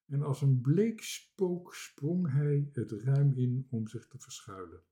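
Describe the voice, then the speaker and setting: Male reader for a children's story, slow, warm-toned delivery. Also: medium pitch. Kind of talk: reading a children's book aloud.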